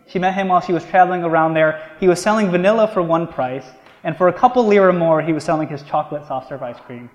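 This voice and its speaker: A man preaching a sermon, telling a story in a conversational way and then slowing down to stress key words. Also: a little high, muffled recording. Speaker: pastor. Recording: echoey church hall.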